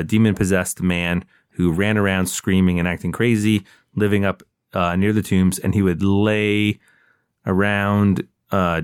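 Deep-voiced man casually retelling a story. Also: clean tone, no echo, studio quality. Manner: relaxed, rambling storyteller. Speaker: podcast co-host.

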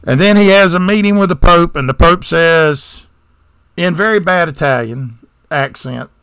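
A man's voice: on the high side, moderate pace, a bit bright, smooth, dry recording, clean studio sound. A man with a Southern American accent co-hosting a podcast, retelling a movie plot in casual chat with rambling digressions and sarcastic asides. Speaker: podcast co-host.

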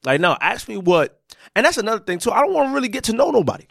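A man's voice: high-pitched, very animated, very fast, creaky, fairly bright tone, dry recording, clean studio sound. A man in his twenties in a laid-back, slangy casual chat, full of fillers. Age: 20s.

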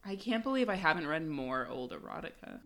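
A woman's voice: deep voice, very animated, fairly quick, vocal fry, fairly bright tone. A woman co-hosting a podcast in casual chat, dry and amused with giggly asides. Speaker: podcast co-host.

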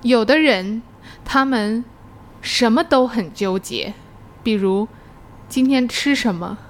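A woman's voice: fairly high pitch, slow pace. A woman hosting a casual conversational discussion, asking questions and dropping English words into her Mandarin.

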